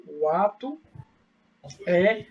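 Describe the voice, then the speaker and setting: A man's voice: high voice, expressive, very slow, vocal fry, distant mic, dull audio. A man with a Brazilian accent giving a live online law lecture, explaining step by step, asking rhetorical questions and checking in with students. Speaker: law professor.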